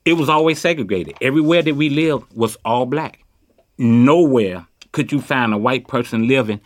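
On a city street, a Chicago man in his fifties talks boastfully in street slang for a candid interview recorded with a handheld mic. His mid-range voice moves at normal speed, and no room sound comes through.

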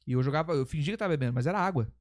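A man's voice: a little high, racing, dry recording, clean studio sound. A man with a Brazilian Portuguese accent, a metal singer as a podcast guest, telling stories animatedly, swearing often and acting out what people said. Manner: animated storyteller who swears and acts out quoted lines. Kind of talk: casual podcast chat.

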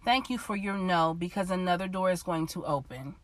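A young woman with a fairly low voice hosts her own podcast from inside a car, talking fairly quickly in a chatty, slangy way. She sounds a little congested from losing her voice, and the recording is dry.

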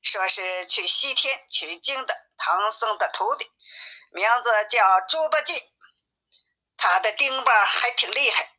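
A woman's voice: medium pitch, lively intonation, measured pace, sharp tone, full character voice. A woman voicing a fierce male demon king in a storybook reading. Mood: menacing. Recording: tinny phone-like sound.

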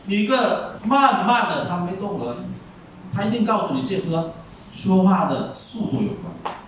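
A man teaching a Chinese class, explaining tones by slowly acting out example words. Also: high voice, expressive. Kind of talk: classroom lecture. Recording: echoey room, far mic, faint noise.

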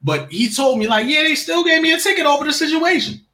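A man's voice: very high voice, lively intonation, quick pace, pushed and bright, low-quality recording. A man in his early forties telling a personal story in a casual podcast chat, full of fillers and restarts. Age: 40s.

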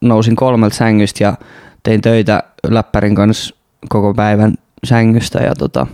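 A man's voice: lowish voice, dark tone, smooth, no echo, clean studio sound. A young man, rambling and swearing a lot as he hosts a casual solo podcast. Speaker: podcast host. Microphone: studio mic close up.

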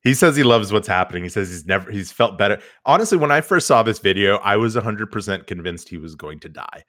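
Deep-voiced man, dry sarcastic commentary. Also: very animated, fairly bright tone, no room sound. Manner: incredulous, mocking, quick asides. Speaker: podcast host.

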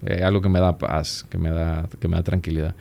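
A man with a Dominican accent, chatting as a guest and telling stories in a relaxed, easygoing way. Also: deep voice, fairly quick, gravelly. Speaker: guest, plastic surgeon. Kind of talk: casual conversation.

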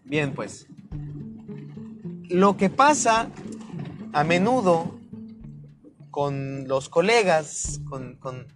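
A man's voice: on the high side, lively intonation, very slow, long pauses. A young Mexican man with a Mexican accent chatting casually as a podcast host, rambling and slangy, with lots of fillers. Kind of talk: casual chat. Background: guitar music.

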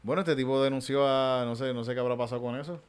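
A man's voice: medium pitch, fairly even intonation, quick pace, smooth. A man with a Puerto Rican accent chatting casually about MMA fights as a podcast co-host, rambling and repeating his words. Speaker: podcast co-host, improv comedian.

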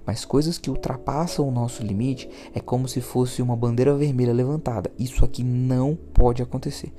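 A man with a Brazilian accent, hosting a podcast and telling a personal story in a lively way, repeating words for emphasis. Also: medium pitch, fairly quick, faint music behind. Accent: Brazilian Portuguese. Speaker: podcast host.

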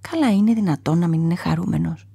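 A woman voicing a small, brave young male sewer mouse in a storybook, speaking eagerly and earnestly in a higher voice. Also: vocal fry, breathy edge, no room sound, studio quality, exaggerated voice. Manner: eager, earnest, higher and brighter than her narration. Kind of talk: storybook character voice.

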